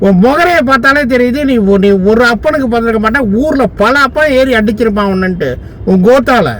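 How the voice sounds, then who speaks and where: A man's voice: very high voice, expressive, a little fast, fairly bright tone, a little hiss or hum. A man from Tamil Nadu, a lawyer, delivering a furious, abusive political rant full of insults.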